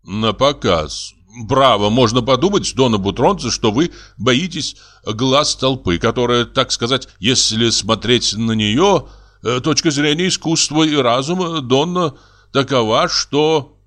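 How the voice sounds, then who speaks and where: A man's voice: medium pitch, a little slow, fairly bright tone, close to an everyday voice. A man voicing a courtly male novelist with a flowery, pompous manner in an audiobook reading.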